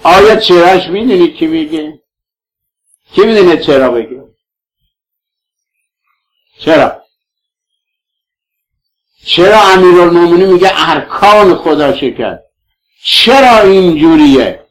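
A man's voice: high-pitched, animated, long pauses, poor audio. A man preaching a religious sermon with fervent, rhetorical questions that rise and fall.

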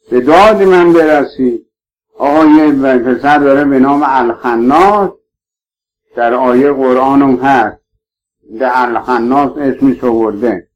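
Man preaching an emphatic sermon, lo-fi. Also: medium pitch. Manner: emphatic, pleading, swears oaths for stress.

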